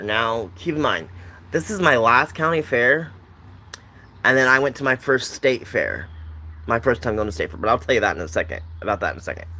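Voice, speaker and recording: A man's voice: medium pitch, pushed and bright. A young man casually telling a family story on a livestream, rambling and repeating himself while chatting to viewers. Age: young adult.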